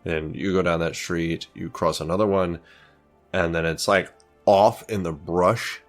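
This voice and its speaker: A man working as game master, improvising tabletop narration in a casual, halting way. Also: low voice, steady tone, soft background music.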